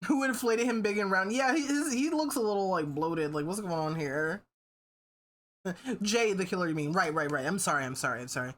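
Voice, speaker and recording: A woman's voice: mid-range voice, fairly quick, a bit bright. A woman livestreamer chatting casually with her viewers, swearing freely and laughing often. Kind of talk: casual stream chat.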